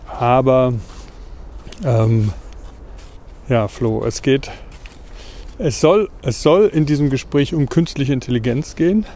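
A man's voice: mid-range voice, warm tone, a little hiss or hum. A male podcast co-host, a little short of breath from an injured rib, talking thoughtfully on a walk outdoors at night. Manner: thoughtful, searching for words. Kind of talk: casual conversation. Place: outdoors, walking through a foggy park at night.

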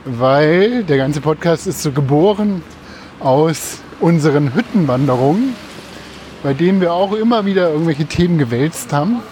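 A man's voice: on the high side, lively intonation, moderate pace, a little mellow. A man co-hosting a casual podcast, chatting while walking outdoors along a city street. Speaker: podcast co-host. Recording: faint street and traffic noise behind.

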